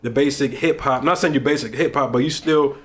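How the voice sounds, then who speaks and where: In a compact studio with a backdrop, an Ohio man of thirty hosts a casual podcast through a boom-mounted desk mic. Easygoing and slangy, he builds up his guest with a brisk, medium-pitched voice of fairly bright tone.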